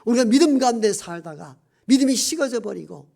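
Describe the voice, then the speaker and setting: A pastor delivers a sermon in a voice of middling pitch, pressing hard on some lines and dropping to a near-whisper on others. Key phrases are stretched out slowly for weight. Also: animated, vocal fry. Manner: swings between emphatic raised lines and hushed near-whispers.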